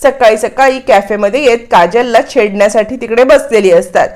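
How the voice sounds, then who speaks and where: A woman narrates a serial recap in a casual, lively storytelling manner. She moves briskly from scene to scene. Her voice sits somewhat high.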